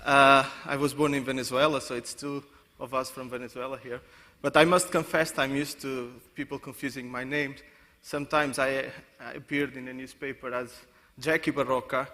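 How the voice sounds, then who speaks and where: His delivery flat but his tone bright and forceful, a medium-pitched man from Portugal presents at a conference. He halts often, restarting sentences and correcting himself partway through. A long reverb from the hall hangs over the recording.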